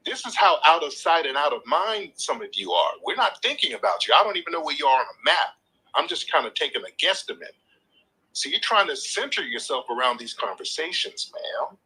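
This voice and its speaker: A man with a fairly high, sing-song voice talks a little fast, his tone pushed, bright and slightly rough, on a rough recording. He hosts a live call-in show, lecturing and arguing combatively, repeating his points, swearing freely and talking over the caller in a heated argument.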